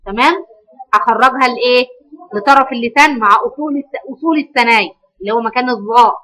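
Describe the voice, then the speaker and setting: A woman with an Egyptian accent teaching a Quran recitation lesson, correcting her students and modeling phrases slowly and drawn out. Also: a little high, bright, forceful tone, low-quality recording. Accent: Egyptian Arabic. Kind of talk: online tajweed lesson.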